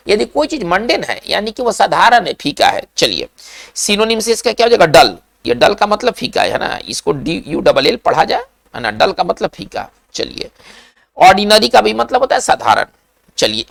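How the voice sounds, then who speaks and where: A woman teaches English vocabulary in an online lesson, her pitch rising and falling in a lively way over a slightly gravelly voice. She explains patiently, checks often that the viewer is following, and slows down to dictate each example sentence. The recording is dry and close, with no room sound. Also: no echo.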